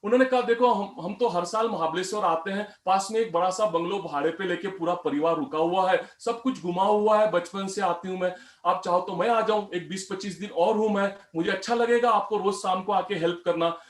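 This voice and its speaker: A middle-aged man delivers a motivational talk as a story and acts out the dialogue along the way. His voice sits high for a man. The hall around him is roomy and echoey. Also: a little fast. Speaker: motivational speaker. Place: event hall.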